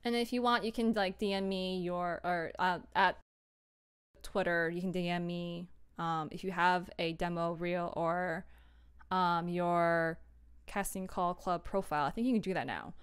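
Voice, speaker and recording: A young woman who creates audio dramas chats casually on a work livestream from a small room at home, giggly and talkative, sometimes murmuring to herself as she works. Her voice is on the low side, clean and steady, with a measured pace.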